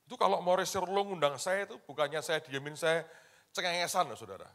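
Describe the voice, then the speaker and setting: A male pastor preaching a sermon in a colloquial, dramatic way, swinging between loud shouts and hushed asides and often addressing the congregation. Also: a little high, fast talker.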